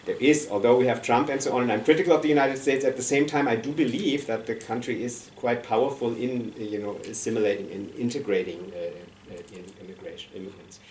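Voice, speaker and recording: A man's voice: mid-range voice, fairly even intonation, normal speed, hardly any pauses, a little mellow. A man commenting at an academic discussion, speaking hesitantly with many fillers. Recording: roomy distant sound with faint noise.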